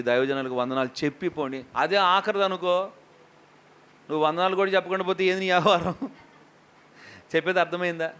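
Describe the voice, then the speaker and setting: A man preaching a lively sermon as a pastor, questioning the congregation and acting out quotes. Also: fairly high pitch.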